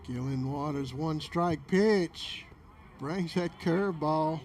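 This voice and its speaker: A man's voice: fairly high pitch, takes it slowly, darkish tone. A man giving play-by-play baseball commentary for local television from an outdoor game.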